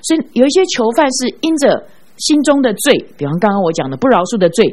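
A woman preaching a sermon, telling stories in an animated way and ending phrases with a drawn-out "ah". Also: on the high side. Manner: animated storyteller who ends phrases with a drawn-out "ah". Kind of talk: sermon with storytelling.

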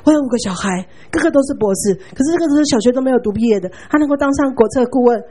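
A woman preacher voicing a devout mother in her nineties who exclaims eagerly in a high voice. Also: racing, warm tone, slightly rough. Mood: proud. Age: 90s.

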